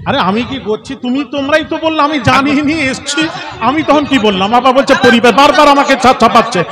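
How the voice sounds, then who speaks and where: A man argues at a village gathering, pressing his point with insistent rhetorical questions into a microphone. His voice sits very high and strained. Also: a little fast, sharp tone. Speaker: religious scholar in a public debate. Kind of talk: heated public debate over a microphone.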